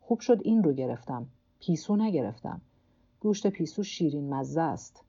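A woman's voice: low voice, expressive, warm tone, dull audio, heavily acted. A woman reading a weary old fisherman talking to himself. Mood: muttering to himself. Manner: talks to himself and his cramped hand, gruff and stubborn. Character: weary old male fisherman alone at sea. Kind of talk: audiobook character voice.

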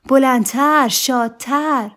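A woman's voice: sits high, a bit bright, voice pushed up. A woman reading a story aloud, voicing a bossy wife who hurries and scolds her husband. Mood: impatient. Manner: bossy, impatient urging. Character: scolding wife of a middle-aged man.

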